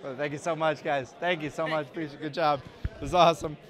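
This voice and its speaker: Speaking quickly and steadily, a man in his thirties guides a casual walking tour of a large indoor convention hall, cracking jokes at his own expense into a handheld microphone. His voice is a little high and fairly bright.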